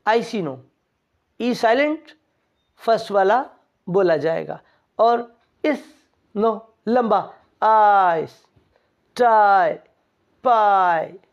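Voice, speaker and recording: A woman teaching English pronunciation who drills each word slowly and asks her own questions before answering them. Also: medium pitch. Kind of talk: recorded vowel pronunciation lesson. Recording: dull lo-fi recording.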